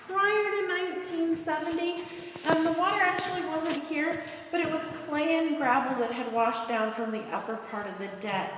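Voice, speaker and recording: A woman's voice: high-pitched, distant mic. A woman working as a cave tour guide, explaining things informally to a group of visitors inside a large cave. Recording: very echoey cave, long reverb, background noise.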